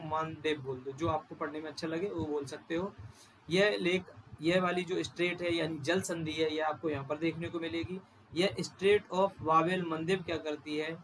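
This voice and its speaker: A male teacher with a slightly high voice walks through a map lesson for exam students, repeating each place name slowly and spelling some out. A faint hum of room noise sits behind him. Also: fairly bright tone, poor audio. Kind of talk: exam-prep map lecture.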